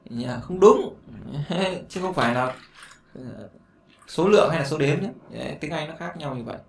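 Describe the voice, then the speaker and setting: A man's voice: on the high side, lively intonation, moderate pace, vocal fry. A man with a Vietnamese accent teaching a beginner English lesson, chatty, repeating words often and breaking in with fillers and asides. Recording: echoey room with faint noise.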